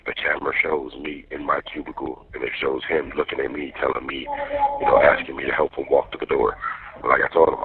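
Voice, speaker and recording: A man's voice: rumbling low, creaky. A man calling from jail over a prison phone line, talking casually and earnestly to his partner, rambling in street slang. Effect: heard over a prison phone line. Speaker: inmate on a phone call.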